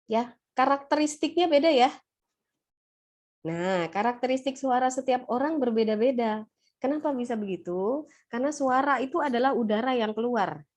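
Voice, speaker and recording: A woman lecturing nursing students in an online class, asking them questions in a brisk, playful way. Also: on the high side, lively intonation. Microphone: laptop or webcam mic on a video call.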